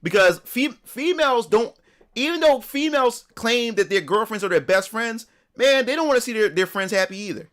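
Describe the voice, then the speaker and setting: A man's voice: very high voice, animated, moderate pace, a bit bright. A man chatting casually on a live stream, ranting emphatically, swearing a lot and repeating words as he builds up steam.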